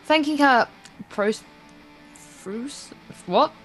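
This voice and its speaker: Over acoustic guitar game music, a woman co-hosting a let's play reads the visual novel's narration, stumbling here and there and adding dry, offhand comments. Her high voice has lively intonation and stretched-out words, and the recording is rough.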